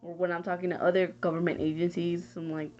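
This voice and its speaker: A young woman from Texas, a student, gives a casual, rambling spoken answer for a class, often hunting for words and trailing off. Her voice is lowish, a little mellow, quick and with little pitch movement, captured in a dull lo-fi home recording.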